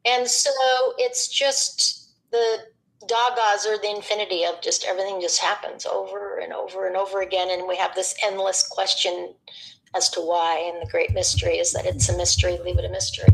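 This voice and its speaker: Bright, rambling middle-aged woman. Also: fairly low pitch, normal speed, vocal fry, rough recording. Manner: rambling, animated, acts out what others said. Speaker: guest, former radio DJ. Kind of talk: reflective conversational chat.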